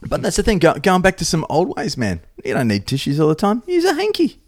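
A man's voice: on the high side, very animated, fast, no room sound, clean studio sound. An Australian man co-hosting a podcast, talking casually and bluntly and telling stories in a conversational way. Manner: blunt, sweary. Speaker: podcast co-host.

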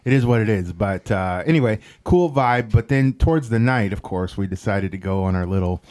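A man's voice: lowish voice, lively intonation, fairly quick, darkish tone. A man co-hosting a casual group podcast, telling a story in a rambling, chuckling way. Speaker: podcast co-host.

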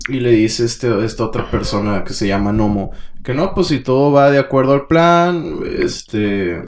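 A man's voice: medium pitch, a little slow. Man, echoey room. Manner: rambling, many fillers, acts out quotes. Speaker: podcast co-host. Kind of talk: casual chat, retelling a comic plot. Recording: roomy echo, faint noise.

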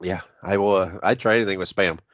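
A man with a stuffy, congested voice that sounds like he is inside a box, chatting casually and haltingly as a podcast host while sick. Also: low-pitched, no echo, muffled recording. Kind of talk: casual horror movie review podcast chat.

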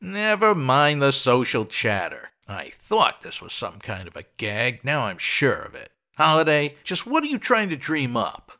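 A 1940s homicide cop from a noir radio play. He is brusque and skeptical, with forceful, sharp delivery and lively swings of pitch, firing off old-time beat-cop slang. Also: a little slow, few pauses, exaggerated voice. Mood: brusque, suspicious. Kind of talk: old-time hardboiled detective radio acting.

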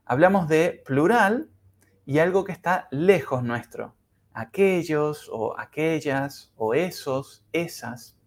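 A man teaching English pronunciation in a podcast lesson, speaking carefully and demonstrating sounds slowly. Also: fairly high pitch, lively intonation. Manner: slow, careful, exaggerated pronunciation drills.

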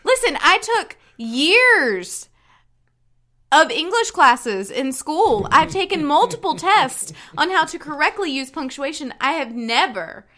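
A woman's voice: high-pitched, sing-song, slow, sharp tone. A woman co-hosting a casual chat podcast, emphatic and opinionated, in a mock rant. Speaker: podcast co-host.

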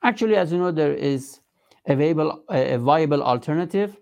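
A man with a Persian accent giving an interview as a political spokesman, speaking emphatically and formally, with halting phrasing. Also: a little high, animated, vocal fry, darkish tone. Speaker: resistance movement spokesman being interviewed.

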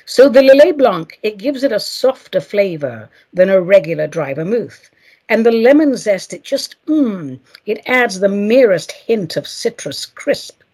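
Husky, playful woman podcast host. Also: mid-range voice, very animated, measured pace, a little mellow. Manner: playful, theatrical, campy asides. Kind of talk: solo podcast reading listener mail.

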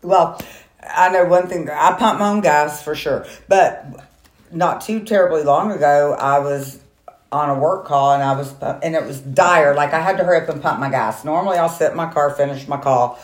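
A woman's voice: low-pitched, normal speed. A woman co-hosting a podcast, chatting casually and affirming her partner. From Florida, USA. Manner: relaxed, affirming listener. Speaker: podcast co-host. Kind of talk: casual chat. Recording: roomy echo.

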